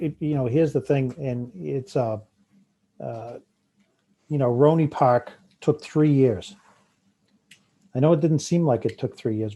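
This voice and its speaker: Halting Boston man with a dark voice. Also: mid-range voice. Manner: halting, many fillers and restarts. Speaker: town official presenting a park project. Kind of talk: committee meeting discussion.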